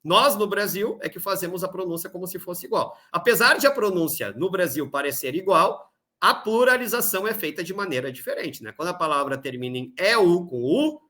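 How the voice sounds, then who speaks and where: A male Portuguese teacher from southern Brazil, speaking with a gaúcho accent, talks through an exam review. His voice sits a little high and sounds bright and forceful. He explains patiently, checks in with his students and slows down to spell out each example. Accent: Rio Grande do Sul Brazilian Portuguese. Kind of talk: recorded exam-review lesson.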